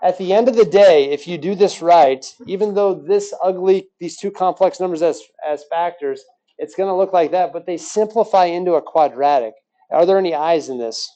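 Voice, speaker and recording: Mellow-voiced male math teacher. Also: sits high, moderate pace, rough recording. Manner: quizzes the class with rhetorical questions, joking. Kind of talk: recorded classroom lesson.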